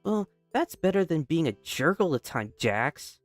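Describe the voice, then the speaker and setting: A man voicing a kind, cheerful female rag doll student in a squeaky high voice, playing through a story game. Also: big pitch swings, a little slow, no room sound, soft background music. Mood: defensive.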